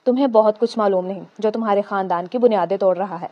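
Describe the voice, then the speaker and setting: A woman's voice: mid-range voice, no room sound, lo-fi sound, close to an everyday voice. A woman voicing a cruel, vengeful man of about thirty who speaks with cold contempt. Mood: menacing.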